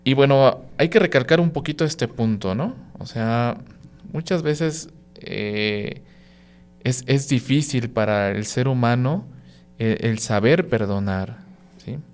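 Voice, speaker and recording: A male priest shares a gentle reflection on a radio podcast. His speech is mid-pitched and conversational, peppered with "¿no?" and "¿sí?" as he builds his point through simple family examples. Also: slow pace, clean tone. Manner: reflective, explains with everyday examples; frequent "¿no?" and "¿sí?" tag questions.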